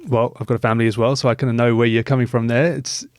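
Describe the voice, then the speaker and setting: A middle-aged Englishman, a mortgage broker who hosts an interview podcast, talks in a friendly, loose way with many fillers. His medium-pitched, darkish voice is rapid-fire and flat in delivery, and there's no echo.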